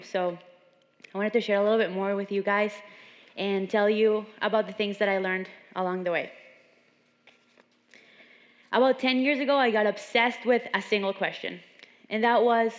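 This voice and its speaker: Seminar speaker: young woman from Venezuela, earnest storytelling, reverberant gym hall, mid pitch. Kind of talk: motivational talk. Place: large gym.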